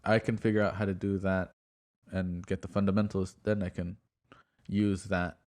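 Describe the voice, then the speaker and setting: A man's voice: deep voice, level tone, normal speed, a little mellow. A man hosting a casual podcast chat, rambling with many restarts. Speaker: podcast host.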